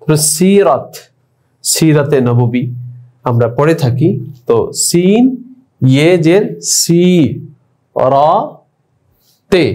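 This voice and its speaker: A man teaching an online lesson, spelling out letters one by one and repeating each word with patient care. His voice sits a little high for a man but sounds soft and mellow. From Bangladesh. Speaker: Urdu language teacher.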